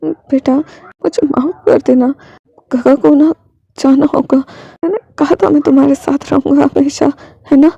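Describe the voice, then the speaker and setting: A woman's voice: high-pitched, fairly even intonation, creaky, no echo, dull audio. Woman voicing a choked, protective older brother. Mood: gentle. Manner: soft, halting, choked.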